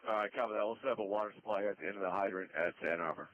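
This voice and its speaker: A man's voice: fairly low pitch, racing, no echo. A man working on a fire engine crew, talking in radio traffic over a two-way radio. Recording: muffled lo-fi radio transmission.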